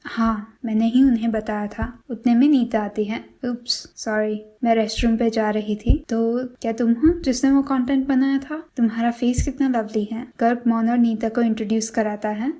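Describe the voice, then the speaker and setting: A woman retelling a drama episode, reading every character's lines in one steady voice. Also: a little high. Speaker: series recap narrator. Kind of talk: retelling a drama with quoted dialogue.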